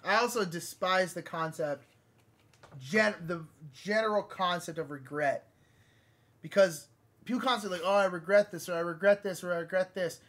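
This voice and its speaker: A man in his late twenties talks earnestly with his co-host on a live stream and gives his views with conviction. His voice is quite high for a man. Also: moderate pace, fairly bright tone. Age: 20s. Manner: earnest, opinionated, reads chat aloud. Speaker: co-host of a board game stream. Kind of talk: casual live-stream chat.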